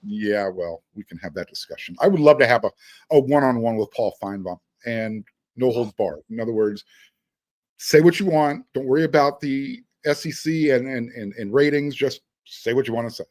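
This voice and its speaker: Speaking at a moderate pace, this man has a medium-pitched, slightly mellow voice, recorded with no room sound. He hosts a sports podcast, keeping things conversational and emphatic while covering sports casually and reading sponsor spots.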